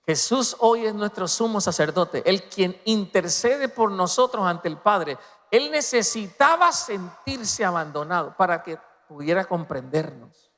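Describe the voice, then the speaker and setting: A man preaching a sermon as pastor, swinging between loud emphatic peaks and soft, low passages. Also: lively intonation, measured pace. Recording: long reverb of a large hall.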